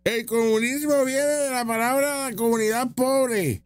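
Background noise sits under a very high-pitched male voice speaking at a measured pace. He's a political commentator giving casual, opinionated reactions to street interview clips, mocking and full of rhetorical questions.

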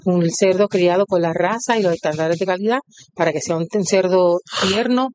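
A woman's voice: fairly low pitch, normal speed, a little mellow, a little hiss or hum. Proud Puerto Rican woman. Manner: proud, listing things in rhythmic runs. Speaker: cooperative leader. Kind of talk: on-site interview.

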